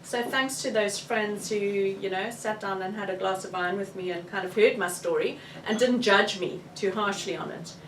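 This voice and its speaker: A woman's voice: medium pitch, normal speed, few pauses, fairly bright tone. A woman with a South African accent, an author speaking frankly and with animation at a book launch event. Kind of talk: candid book launch discussion. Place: bookshop event room. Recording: roomy, distant, with faint room noise.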